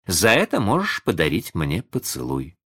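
A man's voice: deep voice, wildly swooping pitch, normal speed, a bit bright, husky, heavily acted. A man reading a storybook aloud and voicing a kind, motherly young girl who gushes breathlessly and easily gets enchanted. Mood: gentle. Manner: breathless, gushing, prim.

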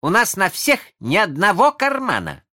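A high, eager storybook boy, put on by a man reading aloud, full of mischief and cunning. He coaxes and wheedles in bright, excited bursts, his voice leaping all over the place. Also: moderate pace, full character voice. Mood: coaxing. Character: eager cunning young boy who never grows up.

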